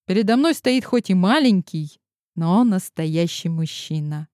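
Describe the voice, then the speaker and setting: A woman's voice: fairly low pitch, expressive, a little slow, a little mellow, no room sound. Woman narrating a novel, dry sound. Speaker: audiobook narrator. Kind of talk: first-person novel narration.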